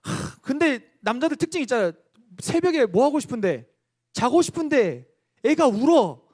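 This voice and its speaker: A young man preaching to a youth congregation. His voice sits high and leaps up and down as he tells a story and keeps asking his listeners questions. The delivery is lively and engaging. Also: normal speed. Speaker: youth pastor. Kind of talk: youth sermon.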